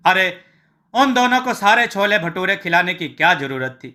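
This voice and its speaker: A man voicing a sharp-tongued village wife who scolds her husband in an exasperated, shrill way. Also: very animated, normal speed, exaggerated voice. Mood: scolding.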